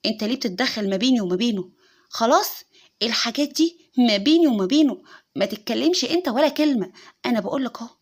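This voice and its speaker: A woman with an Egyptian accent voicing a young, mentally unstable wife who makes loud, frantic threats in a spoken story. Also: fairly high pitch, lively intonation, rapid-fire. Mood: threatening. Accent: Egyptian Arabic.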